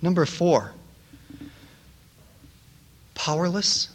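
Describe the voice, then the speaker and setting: A man's voice: a little high, lively intonation, drawn-out words. A man preaching a sermon to a congregation, with an emphatic delivery that repeats key words for effect. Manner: emphatic, repetitive rhetorical delivery.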